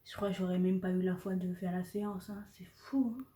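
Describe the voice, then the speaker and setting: With a brisk pace and a mellow, steady, lowish voice, a young woman chats to the camera at home for her vlog. She laughs often and swears lightly, and the room gives the recording a noticeable echo.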